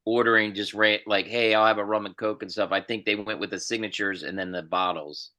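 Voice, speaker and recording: A man co-hosting a podcast, telling stories in halting casual chat that restarts and trails off. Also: fairly low pitch, steady tone, sharp tone. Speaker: podcast co-host.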